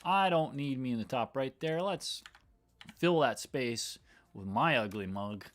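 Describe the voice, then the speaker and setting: A man's voice: medium pitch, lively intonation, unhurried, a bit bright. Man thinking aloud while editing. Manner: thinks aloud, trails off and restarts. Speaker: video editor. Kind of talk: casual livestream talk while editing.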